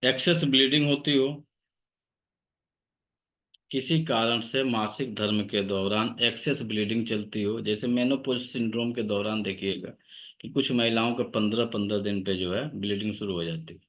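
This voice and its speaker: A man with a low voice leads an acupressure lesson. He lists point names and symptoms one by one in a steady, instructive way, slowing down as he dictates. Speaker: acupressure teacher. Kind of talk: online class lecture.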